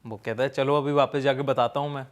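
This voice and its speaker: A man casually telling a ghost story, pausing with fillers as he builds suspense. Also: mid-range voice, steady tone. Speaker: storyteller guest.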